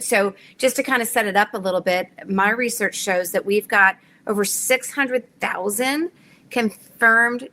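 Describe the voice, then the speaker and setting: A woman hosts an interview, asking earnest, carefully measured questions built on figures she has looked up. Her voice is bright and crisp, with faint noise behind her. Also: mid-range voice. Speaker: show host.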